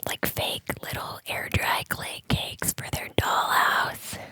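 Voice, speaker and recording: A woman from the San Francisco Bay Area whispers a rambling ASMR chat in a soft, breathy voice, close on the microphone, hesitating and circling back as she goes. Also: slow. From San Francisco Bay Area, United States. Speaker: ASMR host. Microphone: close ear-to-ear ASMR microphone.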